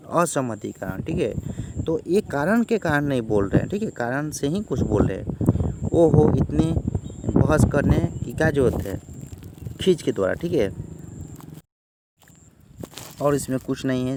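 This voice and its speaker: Gravelly-voiced male tutor. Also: mid-range voice, expressive, moderate pace, pauses often, heavy background noise. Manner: repeats "theek hai" as a tic, acts out quoted lines. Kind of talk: exam-prep lesson walkthrough.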